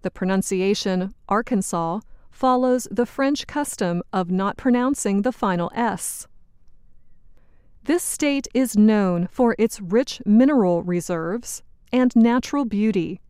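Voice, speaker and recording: Slow, clear woman narrator. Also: mid-range voice, a little mellow, no echo. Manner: clear, carefully enunciated learner-friendly delivery. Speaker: program host. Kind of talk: slow scripted educational narration. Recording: dry studio voice-over with faint music.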